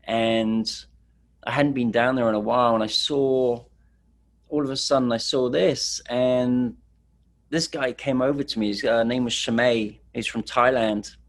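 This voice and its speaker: A middle-aged Englishman, a street photographer, casually tells stories in a rambling way full of fillers. His medium-pitched voice stays steady and unhurried throughout this relaxed presentation.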